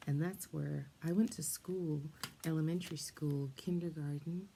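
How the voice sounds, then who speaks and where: An older woman, soft-spoken and meandering, chatting as she colors and often slipping into a half-whisper. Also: low voice, fairly even intonation, moderate pace, vocal fry, background noise. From England, then Canada and the United States. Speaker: storyteller and coloring host. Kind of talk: gentle chatty storytelling while coloring.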